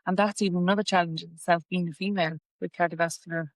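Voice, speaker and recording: A woman's voice: lowish voice, steady tone, fast, no echo. A woman with a west of Ireland accent, telling her personal story as an interview guest. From Galway, west of Ireland. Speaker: podcast guest, patient advocate.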